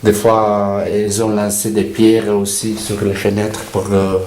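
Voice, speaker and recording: A low-pitched man with a clear Italian accent in his French gives an informal walkthrough narration. He speaks slowly and haltingly, searching for words in broken non-native phrasing. Noticeable background noise sits behind his voice in a handheld on-location recording. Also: completely flat delivery, darkish tone. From Italy. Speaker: resident filming a walkthrough of their building. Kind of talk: informal narrated video tour. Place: around and inside an apartment building entrance and corridor.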